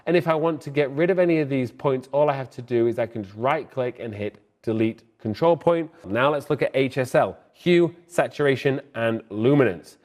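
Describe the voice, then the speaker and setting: Young male tutorial host, breathless and brisk, mid-pitched, upbeat and opinionated. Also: a little mellow. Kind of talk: fast screen-recorded software tutorial.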